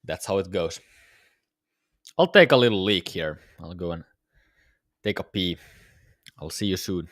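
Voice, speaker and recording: A man's voice: sits low, expressive, measured pace, pauses often, fairly bright tone, no echo, studio quality. A tired man casually talking to viewers during a live trading stream, his voice a little worn. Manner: laid-back, musing, talks to viewers. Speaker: day-trading livestreamer.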